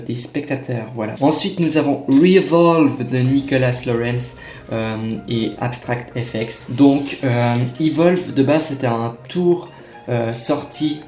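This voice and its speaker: Sitting at a table in an echoey room, a young man who vlogs magic unboxings talks through opening a package, recorded on a tripod-mounted camera. His mid-range voice is unhurried and a bit mellow, and his casual chatter is full of fillers, false starts and corrections. Soft music can just be heard behind him.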